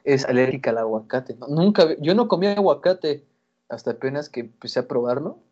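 A man with a Mexican Spanish accent co-hosting a casual chat, slangy and animated when telling stories. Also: mid-range voice, a little fast. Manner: animated storyteller, laughs, slangy. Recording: lo-fi recording.

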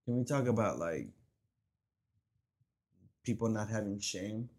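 A young man co-hosting a casual podcast chat, telling stories in a relaxed way and imitating people's voices in his anecdotes. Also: on the low side, measured pace. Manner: laid-back storyteller, mimics voices in anecdotes. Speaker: podcast co-host.

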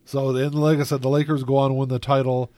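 A man's voice: mid-range voice, little pitch movement, fast, warm tone, no room sound. A man hosting a casual chat, rambling with lots of filler words.

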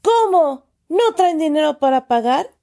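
A woman voicing a stern, pompous middle-aged uncle who loudly lectures children with exaggerated indignation. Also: high voice, lively intonation, normal speed, voice pushed up. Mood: scolding. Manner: loud, scolding, exaggerated indignation.

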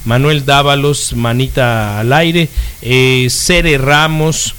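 Dry-witted co-host. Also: male voice, mid-range voice, steady tone, slow pace, fairly bright tone, a little hiss or hum. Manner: dry quips, reads listener comments. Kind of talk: casual chat.

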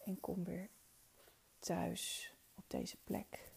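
Slow, breathy woman in a soft spa whisper. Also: on the low side, very animated. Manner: slow, soothing, gentle. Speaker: guided meditation leader.

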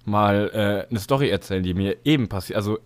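A young man co-hosting a casual podcast, telling stories in a slangy, animated way with many fillers. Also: lowish voice, brisk. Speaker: podcast co-host. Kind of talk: casual chat.

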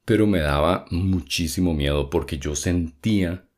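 A man's voice: low-pitched, moderate pace. A young man tells a personal ghost story in a casual way, acting out quotes and sound effects.

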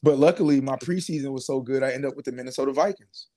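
A young man in his twenties, formerly a pro football player, speaks in a mid-range voice at a quick pace. In this informal interview he tells his story with easy slang, often stopping to restart or drop in fillers.

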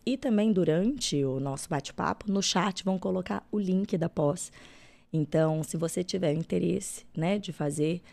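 A woman with a Brazilian accent and a hoarse, cracking voice hosts a talk show in a casual, chatty way, often checking in with little tag questions. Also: deep voice, dark tone. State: hoarse, cracking voice from being unwell. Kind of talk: casual, chatty presenting to an online audience.

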